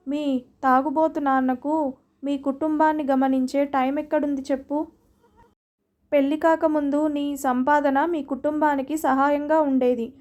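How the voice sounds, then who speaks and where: Storybook husband, earnest and pleading, high flat tone as a woman reads him. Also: close to an everyday voice. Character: young husband, patient and pleading. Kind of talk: storybook reading.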